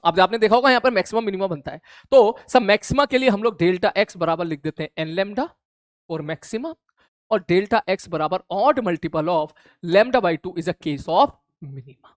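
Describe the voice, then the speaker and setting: A man's voice: high voice, lively intonation, moderate pace, dry recording, clean studio sound. A man teaching a physics revision class in a chatty, informal way, often checking if students follow. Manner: casual, chatty, addresses students informally, keeps asking "clear?". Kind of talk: live online revision lesson. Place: online class studio.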